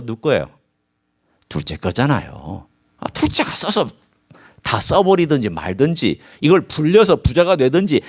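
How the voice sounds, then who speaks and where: Animated Korean pastor preaching a sermon. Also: male voice. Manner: animated preaching with sharp pitch swings; asks the congregation questions. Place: church sanctuary.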